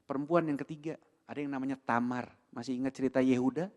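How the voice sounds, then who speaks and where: A man with an Indonesian accent preaching a sermon in a church, animated and full of rhetorical questions, with English words mixed in. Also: mid-range voice, fast talker. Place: church hall. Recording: long hall reverb.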